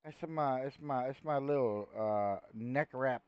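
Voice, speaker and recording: A man trades wisecracks during a roleplay game in a middle-pitched voice. His mic sounds dull and lo-fi. The sound is completely dry, with no room. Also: measured pace, clean tone, dry recording. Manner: wisecracking, jokey asides.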